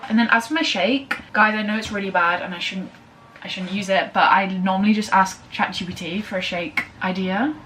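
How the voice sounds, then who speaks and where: A woman's voice: mid-range voice, steady tone, pushed and bright. Bubbly young woman vlogging. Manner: rambling, bubbly, fast and breathless after exercise. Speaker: lifestyle vlogger. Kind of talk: casual chatty vlog. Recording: slightly distant camera audio with faint room noise.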